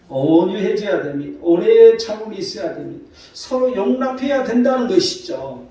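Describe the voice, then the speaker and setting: A man with a fairly high, mellow voice preaches a Sunday sermon, pausing to ask the congregation rhetorical questions. He sounds distant from the microphone, and his voice rings through a very reverberant church hall. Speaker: pastor. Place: church sanctuary. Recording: very echoey hall from far off.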